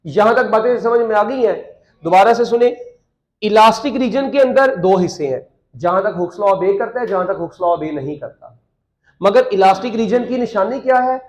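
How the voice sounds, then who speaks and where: A man's voice: sits high, reverberant, rough recording. A man teaching a physics class, joking and quizzing students with repeated questions.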